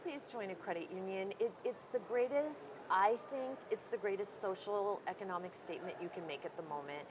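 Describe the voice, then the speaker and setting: A woman guest who heads a small credit union chats a little fast, hardly pausing, in a medium-pitched voice. Her conference interview is self-deprecating and packed with fillers, recorded on a noisy floor in a busy hall.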